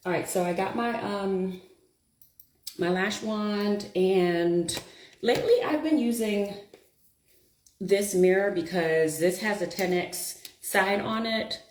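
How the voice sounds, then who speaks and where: Here a woman with a medium-pitched, darkish voice talks slowly in a reverberant space, with a faint hiss or hum underneath. As a beauty vlogger on a live stream, she puts on her lashes while chatting casually, musing aloud and teasing herself.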